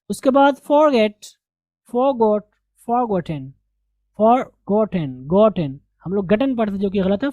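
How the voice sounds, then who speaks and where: A woman teaching a language lesson, slowly drilling pronunciation and repeating each word. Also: mid-range voice, mellow, no room sound. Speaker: English teacher.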